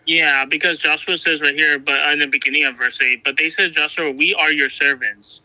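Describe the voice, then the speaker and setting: A man with a very bright, fairly high voice reads scripture and then talks it over, stumbling and restarting as he goes. The sound is dry and close, with no room around it. His delivery is earnest and unpolished. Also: fairly even intonation, dry recording, rough recording. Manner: halting, frequent restarts and fillers. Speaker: Bible reader and discussion partner. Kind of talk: Bible reading and casual discussion.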